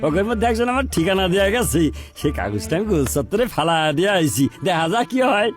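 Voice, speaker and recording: A man's voice: high-pitched, very animated, fast talker, soft background music. A man playing a chatty rustic cartoon townsman who talks in colloquial rural dialect. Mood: chatty, informing. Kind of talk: cartoon dub acting.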